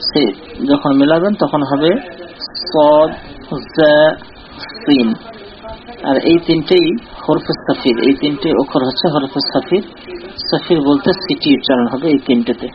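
Man teaching slowly over a dull recording. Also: on the high side, steady tone, crowd noise. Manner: slow, deliberate explaining, repeating drilled syllables. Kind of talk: recorded lesson.

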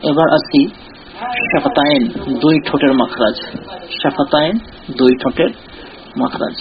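A man teaching in a slightly higher-than-usual voice, patient and deliberate. He sounds out short syllables one by one and repeats them for his listeners. The recording is dull and lo-fi. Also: fairly even intonation, crowd noise. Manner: slow, deliberate explaining, repeating drilled syllables. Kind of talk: recorded lesson.

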